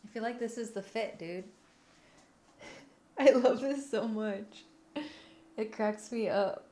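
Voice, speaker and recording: High-voiced, playful woman livestreamer. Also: takes it slowly. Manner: animated, expressive delivery. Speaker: livestreamer chatting with viewers. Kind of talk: casual live chat. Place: room at home.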